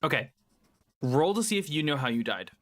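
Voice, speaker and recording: A man's voice: fairly high pitch, sing-song, a little fast, background noise. A man running a tabletop game as game master, easygoing and encouraging. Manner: easygoing, encouraging, laughs often.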